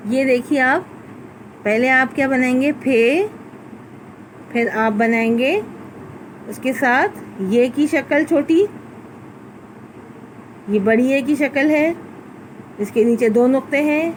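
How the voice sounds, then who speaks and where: High-voiced woman teaching letters. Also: a little hiss or hum, poor audio. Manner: patient, slow, step-by-step spelling out letters. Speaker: primary school Urdu teacher. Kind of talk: recorded class lesson.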